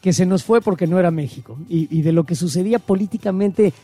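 High-voiced man co-hosting a radio show. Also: quick pace, dark tone, slightly rough, dry recording, faint music behind. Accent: Mexican Spanish. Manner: informal, joking, uses slang. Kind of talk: casual radio talk show banter.

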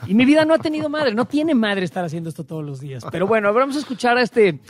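A man's voice: high voice, sing-song, fast talker, dry recording. A man with a Mexican accent, co-hosting a casual comedic commentary show, joking crudely and mocking. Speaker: co-host.

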